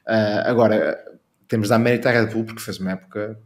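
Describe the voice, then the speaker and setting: Recording remotely, a European Portuguese-accented co-host talks fast in a lowish, steady voice. In this casual podcast chat he pushes his views while hesitating and repeating himself.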